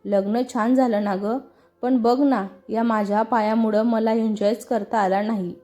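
A woman's voice: on the high side, fairly even intonation, measured pace, warm tone, lightly acted. A woman voicing a young woman who tenderly confides her grief over her late father, in a storybook reading. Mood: friendly. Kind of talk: storybook dialogue.

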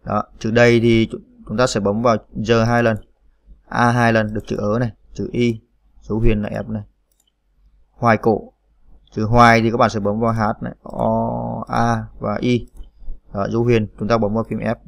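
A man's voice: on the low side, little pitch movement, normal speed, creaky, no room sound. A man hosting a computer typing tutorial, spelling out keys letter by letter with frequent "à" fillers. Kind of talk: screen-recorded typing tutorial.

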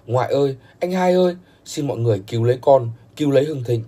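Male narrator doing a tearful, pleading young grandson with a dark voice. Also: medium pitch, animated, fast talker, lightly acted. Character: remorseful young man, the grandson.

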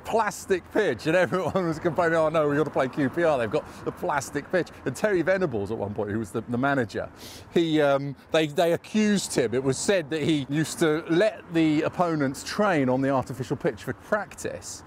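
Chatty London tour guide, lively voice. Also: male voice, a little high, a little fast. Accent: London English. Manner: chatty, rambling, self-mocking asides. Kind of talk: casual walking-tour chat. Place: outdoors on city streets. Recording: faint street noise outdoors.

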